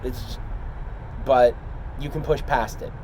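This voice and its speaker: A man talking casually and confidingly, as in a vlog, in a halting, rambling, reflective way. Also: medium pitch, fairly even intonation, a little mellow, a little hiss or hum, low-quality recording. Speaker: trainee wrestler.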